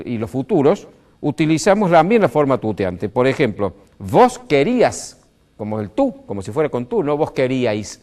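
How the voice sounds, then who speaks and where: A man's voice: medium pitch, darkish tone. An Argentine man with a Córdoba accent, explaining grammar in a didactic way, full of "este" fillers and rising stresses. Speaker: speaker on language. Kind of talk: explanatory talk.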